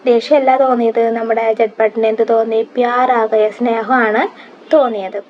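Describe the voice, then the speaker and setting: A woman teaching a Hindi story lesson, reading lines slowly and then explaining them with quiz questions. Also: fairly high pitch, little pitch movement. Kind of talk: line-by-line textbook explanation. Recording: dull lo-fi audio with faint background hiss.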